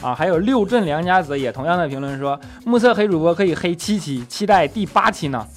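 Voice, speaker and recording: A man with a fairly high voice reads listener comments with teasing, quick-fire comebacks. He chuckles often as he goes, and faint music sits underneath him. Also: expressive. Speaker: podcast host reading listener comments. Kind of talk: comedic comment-reading show.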